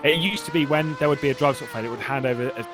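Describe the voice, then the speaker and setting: A man commentates an online race broadcast casually and chattily, laughing and restarting his sentences. His medium-pitched voice comes rapid-fire over background music, with steady background noise in the recording.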